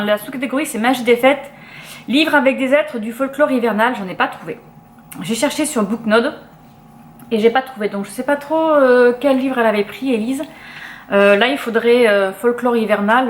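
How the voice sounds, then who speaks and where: A chatty young woman with a fairly high voice talks through her reading list in French. She fills her speech with fillers, trails off and restarts, in a casual, homey way. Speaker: book vlogger. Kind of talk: casual chat.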